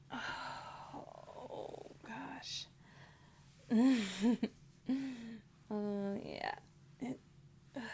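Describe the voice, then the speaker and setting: Young woman, mostly whispered and intimate, slightly high, gravelly fry, unhurried ASMR delivery. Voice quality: mostly whispered, soft and intimate, with gentle hums. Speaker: roleplaying a pregnant wife.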